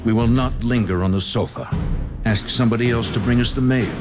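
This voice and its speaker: A man's voice: medium pitch, fairly quick, music in the background. A man narrating a scripted public service spot with resolute, emphatic phrasing.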